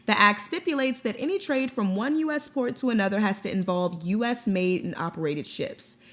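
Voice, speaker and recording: A woman's voice: medium pitch, brisk, fairly bright tone. A young woman co-hosting a scripted comedic news show, reading with sarcastic jokey asides. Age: young adult. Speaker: co-host.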